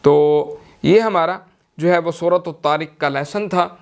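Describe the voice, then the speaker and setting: A man teaching Quran recitation rules step by step, patiently repeating each verse slowly. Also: on the high side, clear, resonant tone. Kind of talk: slow step-by-step recitation lesson.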